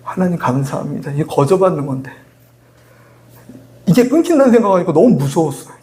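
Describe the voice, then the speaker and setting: A man's voice: a little high, a little fast, slight background noise. A middle-aged man preaching a sermon as pastor, telling stories animatedly and acting out dialogue with frequent laughs. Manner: animated storytelling, acts out dialogue, laughs often. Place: church sanctuary.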